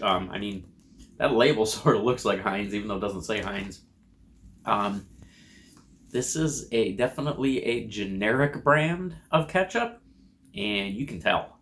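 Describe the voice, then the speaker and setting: An American man giving a casual food review to camera in a measured, descriptive way, crunching and chewing chips between remarks. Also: on the low side, fairly bright tone, a little hiss or hum. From United States.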